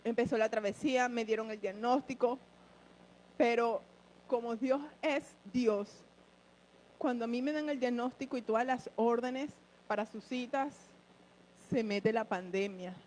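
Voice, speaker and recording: A woman with a fairly high voice shares an earnest personal testimony in church. Her breath runs short with emotion, and she speaks directly to her listeners. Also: fairly even intonation, unhurried, darkish tone, slight background noise, rough recording. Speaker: church member giving a testimony.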